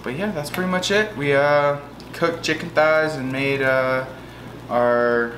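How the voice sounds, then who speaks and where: A man's voice: fairly high pitch, measured pace, a bit bright, slight background noise. A man co-hosting a casual home cooking video, rambling and repeating his points to viewers. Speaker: co-host of a family cooking channel. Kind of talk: casual cooking demo chat. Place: home kitchen. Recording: echoey kitchen with clattering dishes.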